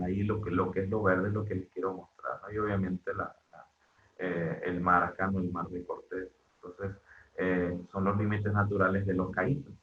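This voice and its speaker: A man from northwestern Mexico giving an online university class, halting with fillers and restarts and often checking in with his students. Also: on the low side. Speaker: university lecturer. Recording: dull echoey lo-fi room sound.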